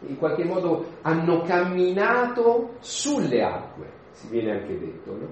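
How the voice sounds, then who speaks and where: A man giving an informal homily, conversational and lively, acting out the voices of the people in the story. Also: fairly high pitch, a little slow, highs cut off, a little hiss or hum. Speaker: preacher. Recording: echoey room.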